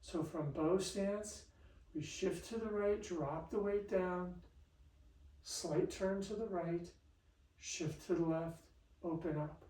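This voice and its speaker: A tai chi teacher with a mellow, relaxed voice guides a lesson in short, calm cues. The delivery is very unhurried, and the sound is roomy, as if picked up from across the space. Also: medium pitch. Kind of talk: instructional movement lesson. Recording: roomy echo, distant mic.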